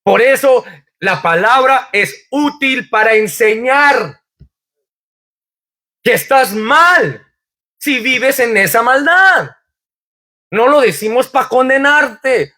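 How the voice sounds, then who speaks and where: A man's voice: extremely high pitch, animated, takes it slowly, pauses often, sharp tone. A man preaching a sermon in a church as pastor, quoting scripture fervently and asking the congregation rhetorical questions.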